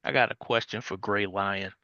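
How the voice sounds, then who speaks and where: A man's voice: lowish voice, fairly even intonation, moderate pace, sharp tone, dry recording. A man playing a tabletop game, asking detailed questions. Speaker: tabletop player. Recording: dry, dull-sounding.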